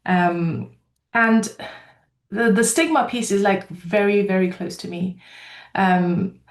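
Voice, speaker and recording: A woman's voice: medium pitch, takes it slowly, echoey room. A woman from Nepal with a Nepali accent, speaking as a company founder at a webinar and earnestly telling her own story with frequent ums. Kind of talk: webinar talk.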